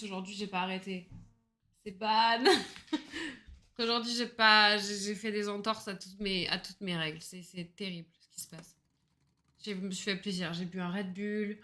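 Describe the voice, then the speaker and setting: A woman's voice: mid-range voice, pushed and bright. A woman streaming a game, chatting casually in a rambling, self-mocking way, laughing often and swearing freely. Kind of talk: casual gaming livestream chat.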